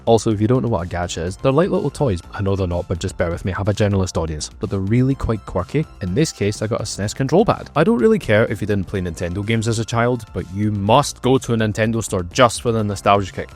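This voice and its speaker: A man in his thirties narrates a travel vlog in a low voice that swings widely in pitch. He drops wry, sarcastic asides and leans on words for playful effect, with faint music running behind him. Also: expressive, fast talker, few pauses. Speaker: travel vlogger.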